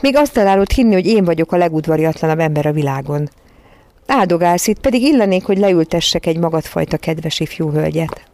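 A merry old uncle from a storybook, always on the edge of laughter and wiping his eyes, as a woman reads him. The voice is low and gravelly with a mellow tone. It is recorded dry and close. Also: expressive, no echo. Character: jolly elderly uncle who keeps laughing.

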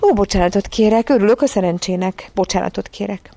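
A woman's voice: on the low side, big pitch swings, creaky, full character voice. A woman voicing a bitter, mocking little seal. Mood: flustered polite. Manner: mocking, sharp-tongued. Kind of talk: audiobook character voice.

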